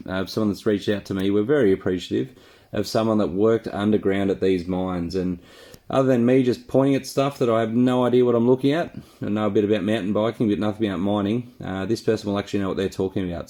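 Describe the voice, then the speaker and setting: In a warm, fairly low voice with no room sound, an Australian man from New South Wales vlogs casually from the bush. He explores abandoned mines as an amateur and talks to his viewers in a laid-back, slangy, self-deprecating style.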